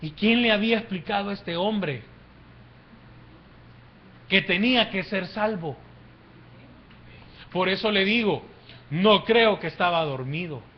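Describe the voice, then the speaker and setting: A male pastor preaching a sermon in church. His voice swings between hushed, low phrases and loud, rising exclamations. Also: unhurried, pauses often. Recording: dull lo-fi church recording.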